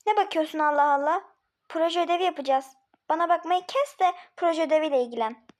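Woman playing a cool teasing teen schoolboy in a homemade drama, dry bossy delivery, high voice. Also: brisk.

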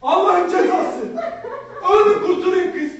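A woman playing a cursing, bullying husband in an amateur stage skit, shouting insults. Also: very high voice, measured pace, background noise. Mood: taunting. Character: bullying, cursing grown husband, football fan. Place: hall. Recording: echoey hall, far from mic, dull.

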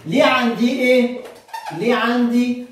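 Egyptian monk teaching a lesson, high voice, spells stuff out slow, super echoey and far off. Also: male voice, little pitch movement, a bit bright, slight background noise. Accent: Egyptian Arabic. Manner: asks questions and answers them himself; spells words out slowly, syllable by syllable. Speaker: monk priest teaching Coptic. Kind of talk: beginner language lesson. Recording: very echoey room, far from the mic.

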